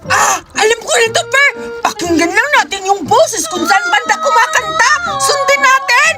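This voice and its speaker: A woman voicing an excitable little girl in a cartoon, gushing and sometimes whiny. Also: very high voice, moderate pace. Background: background music.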